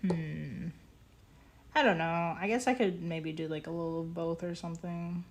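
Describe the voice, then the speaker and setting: A woman streaming her pottery work, chatting casually in a halting way, full of fillers and small laughs. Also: lowish voice, steady tone, slight background noise. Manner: halting, many ums and likes, laughs easily. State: hiccuping. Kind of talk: casual live-stream chat while working.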